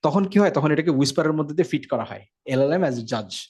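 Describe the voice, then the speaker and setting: A man gives a casual tech lecture at a rapid clip. His voice sits a little high, and he keeps the tone conversational, often stopping to check that his listeners are following. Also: animated, darkish tone. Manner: fast, conversational, frequent check-ins. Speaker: instructor.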